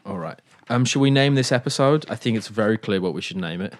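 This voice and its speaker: A man's voice: lowish voice, lively intonation, quick pace. A man co-hosting a podcast, rambling playfully and giggling in casual chat. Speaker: podcast co-host. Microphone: headphones and studio mic.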